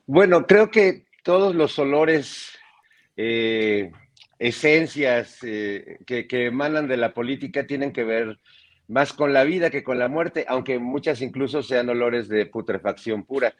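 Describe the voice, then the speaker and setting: A man's voice: medium pitch, a little slow. Reflective man on a panel. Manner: reflective, talks in metaphors, many restarts. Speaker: panel guest. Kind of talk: political panel discussion.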